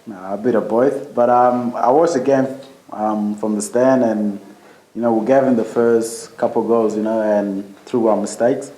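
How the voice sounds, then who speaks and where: A young man being interviewed as a football guest, laid-back and halting. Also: lowish voice, steady tone, mellow. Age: young adult. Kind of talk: casual interview. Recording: roomy echo.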